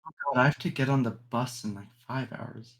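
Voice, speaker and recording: A man's voice: mid-range voice, fairly quick, a bit bright. A young man from the United States co-hosting a podcast in casual chat, opinionated and rambling with frequent ums and restarts. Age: young adult. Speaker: podcast co-host.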